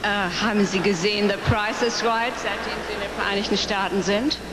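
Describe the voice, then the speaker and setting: A woman's voice: medium pitch, fairly even intonation, brisk. A woman interpreting live between German and English, rephrasing with some hesitation. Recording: echoey hall, background noise.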